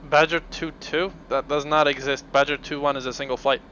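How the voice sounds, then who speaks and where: Pilot checking in over a radio. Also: male voice, a little high, steady tone, brisk, bright, forceful tone. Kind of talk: radio procedure calls. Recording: muffled noisy radio.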